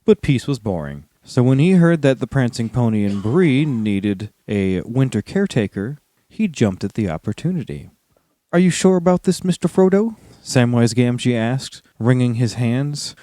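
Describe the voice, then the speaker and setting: Male podcast co-host, playful reader, lively pitch. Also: moderate pace, few pauses, no echo. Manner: reads with put-on character voices, breaks into laughter. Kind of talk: casual reading aloud to friends.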